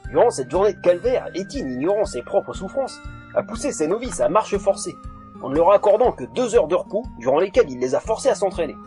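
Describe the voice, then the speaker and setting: Casting: man as chatty fantasy saga narrator, theatrical and gleeful, quick delivery over faint music. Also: high-pitched, warm tone. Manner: theatrical, familiar. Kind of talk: dramatic scripted narration. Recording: music under the voice.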